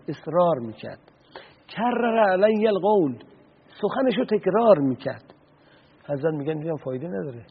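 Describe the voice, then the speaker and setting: A man's voice: a little high, a little hiss or hum. A man giving an earnest religious talk on the radio, retelling stories and explaining Arabic sayings. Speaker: religious speaker. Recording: tinny phone-like radio sound.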